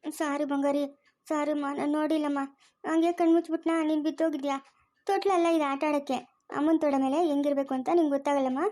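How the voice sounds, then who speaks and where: A woman playing a worried young mother who soothes her baby and pleads softly, with a rural Chikkaballapur Kannada accent. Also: sits high, completely flat delivery, quick pace, lightly acted. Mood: soothing. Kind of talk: family drama acting.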